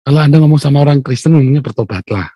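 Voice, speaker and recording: A male pastor, preaching a lively morning devotional sermon, loudly acting out quotes and laughing often. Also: fairly high pitch, very fast, no echo.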